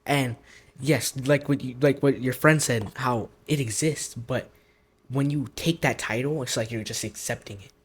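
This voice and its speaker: A young man speaks in a casual, filler-heavy way. His voice is husky and sits at a middling pitch. It is an unscripted conversation. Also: normal speed. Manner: relaxed, many fillers. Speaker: guest. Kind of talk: casual testimony.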